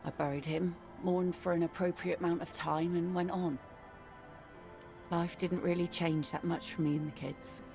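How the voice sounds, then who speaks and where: Gravelly old-sailor fisherwoman, tough and wry. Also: lowish voice, steady tone, moderate pace, over music. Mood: blunt, matter-of-fact. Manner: dry, blunt, unsentimental old-sailor way of talking. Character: hardened middle-aged widowed fisherwoman, wry and tough. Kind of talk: video game character dialogue.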